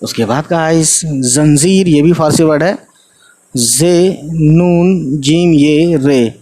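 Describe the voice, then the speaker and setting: A man gives a casual online Urdu lesson in a slow, warm voice on the high side. He spells out each word letter by letter, often calls viewers "guys," and mixes in English fillers.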